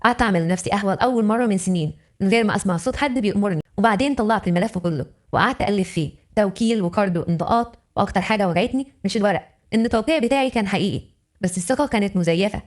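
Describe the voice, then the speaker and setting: Fast-talking Egyptian woman telling a story. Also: mid-range voice. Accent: Egyptian Arabic. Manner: emotional, intimate telling. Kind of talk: dramatic first-person story narration.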